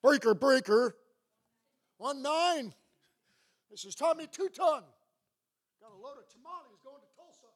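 A man's voice: very high voice, lively intonation, a little slow, long pauses, voice pushed up. A man, a pastor, voicing a jovial male trucker who calls out over a CB radio in trucker lingo. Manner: trucker CB lingo, calling out to anyone listening. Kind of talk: sermon.

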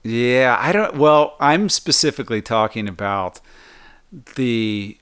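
A man's voice: mid-range voice, animated, slow, a bit bright, clear, resonant tone. A man co-hosting a casual comedy podcast with his partner, often hesitating, restarting and voicing skepticism. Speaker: podcast co-host. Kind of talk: casual comedic couple chat.

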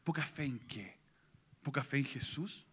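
A man preaching a sermon, retelling a story and swinging between hushed tones and loud, intense passages. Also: medium pitch, measured pace, slight background noise.

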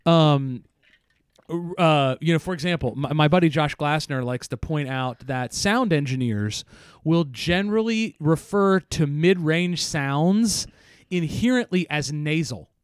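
A man's voice: fairly high pitch, measured pace, clear, resonant tone, dry recording, studio quality. A man co-hosting a casual podcast, explaining voice science terms and thinking aloud with frequent restarts. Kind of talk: casual technical discussion.

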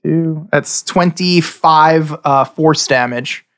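A man acting as game master, casually narrating a tabletop game in halting, improvised descriptions. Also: a little high, a bit bright.

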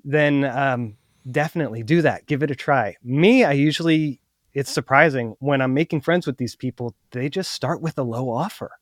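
A man's voice: medium pitch, normal speed, no echo, studio quality. A man guest on a podcast chatting casually, cheerfully acting out both sides of haggling. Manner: upbeat, acts out cheerful haggling lines. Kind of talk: casual chat.

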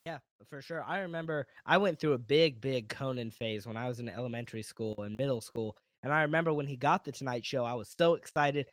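A man's voice: mid-range voice, a little fast, few pauses, no room sound. Conversational male podcast host, dry sound. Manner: conversational, asks follow-up questions. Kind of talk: casual interview chat.

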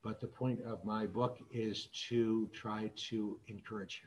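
A middle-aged man, a physician, telling stories in a public talk in an earnest, measured way. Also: lowish voice, steady tone, a little hiss or hum, rough recording. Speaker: physician and speaker.

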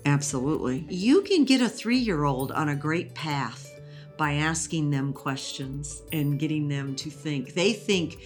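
A woman with a low voice talks through ideas in a patient, teacherly way. She explains step by step and laughs easily, and faint music sits quietly under her. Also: lively intonation, a little slow. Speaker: educator guest. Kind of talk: conversational interview.

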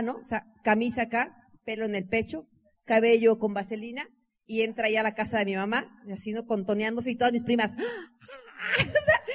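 A Mexican woman with a Mexican accent, telling her life story to an audience in an animated way, acting out dialogue and often saying "o sea". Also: fairly high pitch. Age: 20s. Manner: expressive, acts out dialogue, laughs, uses "o sea" and "¿no?" a lot.

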